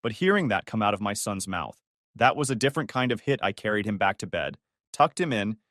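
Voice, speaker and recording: Animated man narrating a story. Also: fairly low pitch, no room sound, studio quality. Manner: calm, measured telling with voiced quotes. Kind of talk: first-person story narration.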